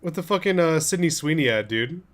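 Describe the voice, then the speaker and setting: A man's voice: a little high, lively intonation, fairly quick, soft background music. A young man who teaches, co-hosting a casual podcast chat, rambling with many fillers and stammered restarts.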